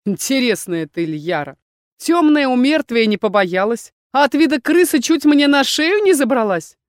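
A woman voicing a calm young male fighter in an audiobook, with a wry, reassuring way of speaking. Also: high voice, normal speed, no echo, clean studio sound, voice pushed up. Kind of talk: audiobook reading.

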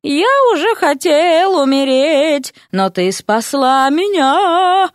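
A woman's voice: high voice, sing-song, takes it slowly, no echo, studio quality, pitched above the performer's own voice, exaggerated voice. Woman doing a wailing off-key young wizard. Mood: wailing song. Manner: loud, off-key, theatrical singing and whining. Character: young male wizard student, showy, sings terribly.

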